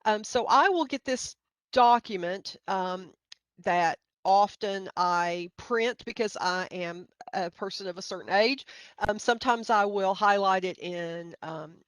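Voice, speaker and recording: A middle-aged woman with a Middle Tennessee accent leads an informal training session. She is folksy and a little hesitant, with a self-deprecating touch. Her voice sits at a medium pitch in a dry, echo-free recording. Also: unhurried, clear, resonant tone. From Middle Tennessee, United States. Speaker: university grant budget specialist, presenter.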